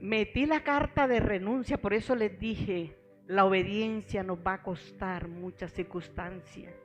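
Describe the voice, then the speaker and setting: Slow-preaching woman pastor. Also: mid-range voice, lo-fi sound, soft background music. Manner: storytelling preacher, addresses the congregation as beloved brothers. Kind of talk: sermon.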